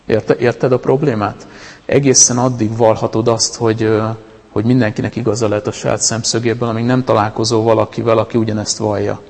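Male preacher, conversational sermon delivery, gravelly texture, long hall reverb. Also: fairly low pitch, flat delivery, a little mellow. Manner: conversational, with many restarts and fillers. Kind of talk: informal sermon talk.

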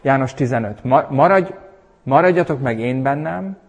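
A man preaching a sermon and leading a prayer, emphatic and animated, with sudden loud bursts. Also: mid-range voice. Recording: husky voice in a long-reverb hall.

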